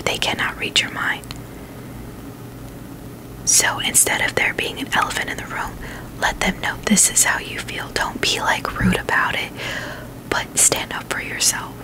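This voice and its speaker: An ASMR video host whispers breathily without voicing, chatting casually and haltingly in a gentle style. The recording is rough.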